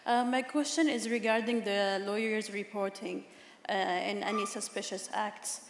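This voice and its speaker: Woman from Saudi Arabia, hesitant floor question, gravelly, echoey hall. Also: mid-range voice, fairly even intonation, normal speed. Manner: hesitant, with fillers. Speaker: legal specialist asking a question. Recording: distant roomy hall with faint noise.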